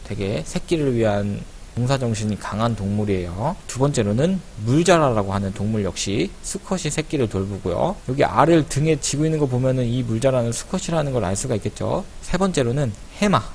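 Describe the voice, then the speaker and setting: Guy teacher explaining stuff to kids, chatty and direct, normal pitch, bit of hiss on the recording. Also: lively intonation, a little fast, hardly any pauses, darkish tone. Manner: conversational, addresses pupils directly. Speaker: teacher presenting an online lesson. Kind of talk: casual explanatory lesson for schoolchildren. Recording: clear hiss behind the voice.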